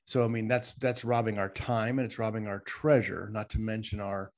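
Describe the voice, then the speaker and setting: A talk-show co-host with a lowish voice, level tone, and normal speed makes his argument emphatically. In this casual, opinionated exchange he relies on rhetorical questions and keeps asking "right?"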